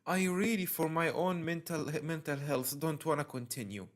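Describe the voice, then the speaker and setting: A man's voice: fairly high pitch, normal speed. A man streaming a visual novel, reading the text aloud with dramatic, emotional reactions. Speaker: game streamer.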